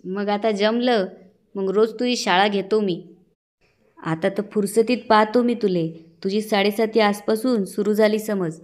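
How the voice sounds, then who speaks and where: A fiery retired schoolteacher with a Vidarbha Marathi accent scolds and threatens without holding back, as a woman reads her part. She sounds blunt, combative and loud, a neighborhood auntie who will not back down. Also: medium pitch, fairly even intonation, unhurried, close to an everyday voice. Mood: scolding. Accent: Vidarbha Marathi (Varhadi).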